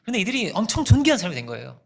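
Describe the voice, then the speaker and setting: Male pastor, conversational sermon delivery, expressive pitch, slightly high voice. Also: racing, gravelly. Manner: animated, conversational, asks the congregation questions.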